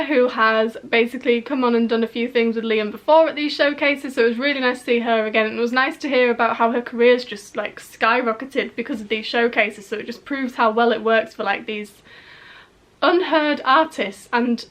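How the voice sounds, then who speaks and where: A woman's voice: fairly high pitch, fairly quick, fairly bright tone. Chatty young woman gushing as a fan. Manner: gushing, chatty, many likes and restarts. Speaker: vlogger. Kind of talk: casual fan chat to camera.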